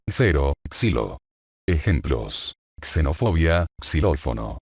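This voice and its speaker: A man narrating a scripted spelling lesson, reading rules and examples in an even, list-like way. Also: low voice, dry recording, studio quality.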